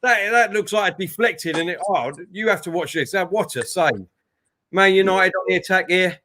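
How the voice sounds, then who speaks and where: Higher-voiced bloke chatting over a footy match, reading out the chat. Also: male voice, moderate pace, a little hiss or hum. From Isle of Dogs, East London. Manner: chatty, reads out viewer messages, breaks into excited calls on the match. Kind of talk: casual football watchalong chat with live commentary.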